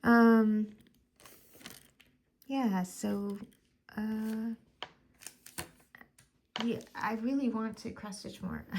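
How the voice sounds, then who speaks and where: A woman's voice: mid-range voice, creaky. A married woman chatting casually at home in a crafting vlog, rambling with lots of fillers. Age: adult, married. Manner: rambling, warm-hearted, filler-heavy. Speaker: crafting vlogger. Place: home living room.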